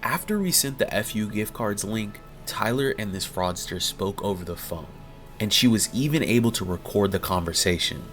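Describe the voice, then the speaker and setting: A man's voice: lowish voice, lively intonation, normal speed, fairly bright tone, soft background music. A man giving scripted narration about a romance scam case.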